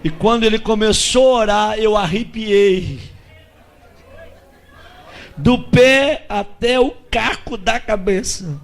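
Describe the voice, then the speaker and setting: A Brazilian man preaching as a pastor, telling a testimony with lively acted-out dialogue and shouted peaks. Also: sits high, slow, creaky, long pauses. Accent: Brazilian Portuguese. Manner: animated storyteller acting out dialogue, shouting at peaks.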